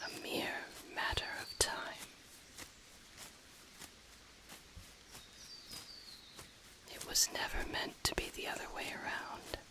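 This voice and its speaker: A woman voicing an ancient dragon familiar, possessive, teasing and tender, speaking softly and formally in an intimate ASMR roleplay. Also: on the low side, natural voice. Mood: haughty, possessive. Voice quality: soft, breathy, often whispering. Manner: slow, formal, teasing, purring delivery.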